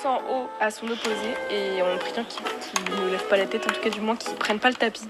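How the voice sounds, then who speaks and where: A woman hosting and playing in a casual gaming video, talking in animated, teasing slang. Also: mid-range voice, a little fast. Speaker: gaming video host and player. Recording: music behind the voice.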